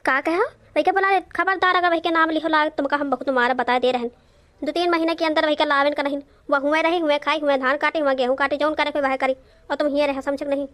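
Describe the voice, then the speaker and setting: A woman voicing a sharp-tongued, bossy old mother in a cartoon, scolding in an Awadhi accent. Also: high-pitched, steady tone, quick pace. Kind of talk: cartoon voice acting.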